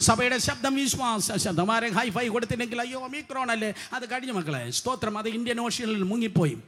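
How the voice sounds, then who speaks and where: A man's voice: very high voice, fast. A preacher, giving a Pentecostal sermon in a church hall and repeating phrases as he calls out to the congregation. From India. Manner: repetitive, rising to shouts, calls to the congregation.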